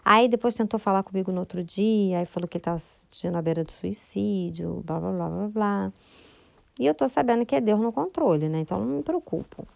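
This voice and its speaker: A woman tells her church testimony in a chatty, emotional way, often checking in with her listeners. Her voice has a gravelly fry to it. The recording is dry, with dull lo-fi sound. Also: mid-range voice, fairly quick, no echo. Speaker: church member giving testimony. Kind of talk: spoken religious testimony.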